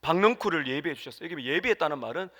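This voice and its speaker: A man preaching a sermon as pastor, emphatic, jumping between loud exclamations and quiet asides and acting out quoted prayers. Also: fairly high pitch, expressive, rapid-fire. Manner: acts out quoted prayers and dialogue. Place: church sanctuary. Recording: long hall reverb.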